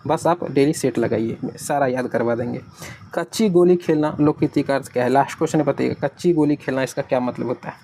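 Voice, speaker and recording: A man's voice: medium pitch, fairly quick, warm tone, a little hiss or hum. A man teaching an exam-prep lesson, explaining patiently and asking and answering his own questions.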